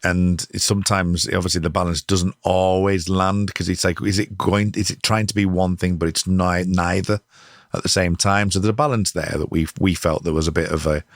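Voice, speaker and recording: Deep-voiced podcast host man. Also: fairly even intonation, moderate pace, no echo, clean studio sound. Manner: chatty, loose, self-correcting. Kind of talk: casual podcast interview.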